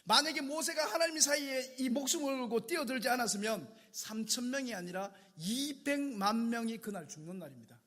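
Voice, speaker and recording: A male pastor preaching with dramatic storytelling in a high, bright voice. His words ring with long reverb in a large church hall. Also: animated, fairly quick, hardly any pauses. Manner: dramatic storytelling, acting out scenes. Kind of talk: sermon.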